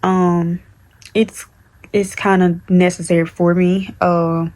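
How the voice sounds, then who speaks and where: Young woman in her twenties, casual vlog chat, low voice, flat delivery, candid and rambling. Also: slow pace. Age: 20s. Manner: candid, rambling, with many fillers and restarts. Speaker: vlogger.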